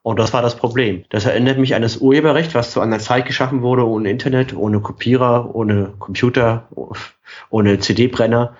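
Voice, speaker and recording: A man's voice: medium pitch, fairly even intonation, moderate pace. Swiss man bantering on a lo-fi podcast call. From Switzerland. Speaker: podcast co-host. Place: hotel in Thailand. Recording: lo-fi remote call audio.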